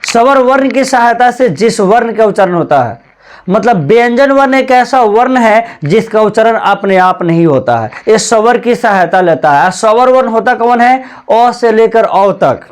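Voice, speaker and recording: High-voiced man teaching Hindi grammar. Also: expressive, moderate pace. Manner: repeats key points, asks and answers his own questions; addresses viewers as "bhai" (brother). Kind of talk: classroom lesson at a board. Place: classroom with a board.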